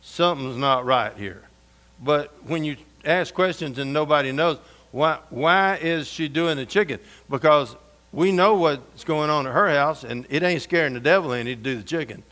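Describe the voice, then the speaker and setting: A middle-aged man preaching a storytelling sermon, folksy and humorous, going soft and intense for scripture. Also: on the high side, moderate pace.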